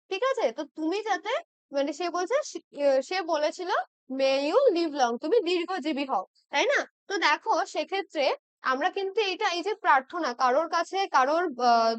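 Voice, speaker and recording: A woman's voice: very high-pitched, dry recording. A woman teaching English exam practice questions, checking in with tag questions and spelling words out letter by letter.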